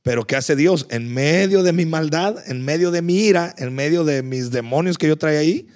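A man's voice: on the high side, moderate pace. Earnest pastor telling his story. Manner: earnest storytelling, repeats words when excited. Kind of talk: casual faith conversation.

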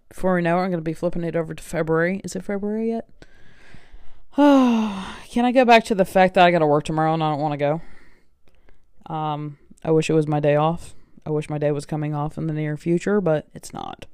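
A woman's voice: low-pitched, a little mellow, clear, resonant tone, dry recording, clean studio sound. Rambling, sarcastic woman podcast host. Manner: rambling, self-mockingly sarcastic, giving life tips. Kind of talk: casual solo podcast chat.

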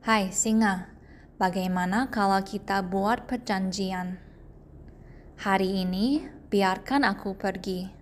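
A woman voicing a small mother mouse in a storybook, pleading slowly. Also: mid-range voice, a little hiss or hum, lightly acted. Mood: bargaining. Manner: pleading, slow and soft-spoken.

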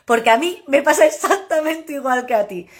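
A woman talks to her live-stream viewers as a personal development coach. Her voice sits a little high. She speaks loudly and emphatically and often breaks into laughter. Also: expressive, brisk.

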